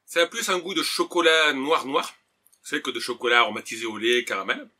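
A man's voice: mid-range voice, a little fast, pushed and bright. A man casually chatting while unboxing and tasting snacks on camera, hesitant and full of fillers. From France. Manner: chatty, hesitant, many "euh" and "voilà". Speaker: vlogger tasting food.

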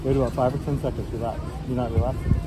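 A man doing street ministry outdoors by a beachfront hotel, gently coaxing someone with questions while he prays for her, recorded on a handheld phone. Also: medium pitch, flat delivery, rapid-fire, over loud music, poor audio. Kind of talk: street prayer conversation. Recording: outdoor noise clearly audible.

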